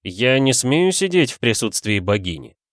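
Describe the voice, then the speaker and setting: A man's voice: mid-range voice, big pitch swings, moderate pace, dry recording, clean studio sound, close to an everyday voice. A man voicing a shameless, flowery police detective who heaps florid compliments in an audiobook. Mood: fawning. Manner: florid, fawning, theatrical. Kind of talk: audiobook character voice.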